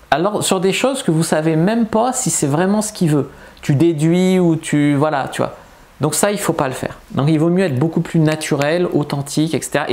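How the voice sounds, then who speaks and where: A man's voice: on the high side, a little mellow. Male dating coach, blunt, slangy, opinionated, casual talk to camera. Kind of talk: casual advice video to camera.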